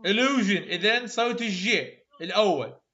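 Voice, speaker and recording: A man with an Iraqi Arabic accent teaching English phonetics in a classroom. He repeats sounds slowly and praises his students often. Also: high-pitched, lively intonation, bright, forceful tone, muffled recording. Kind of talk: classroom pronunciation drill.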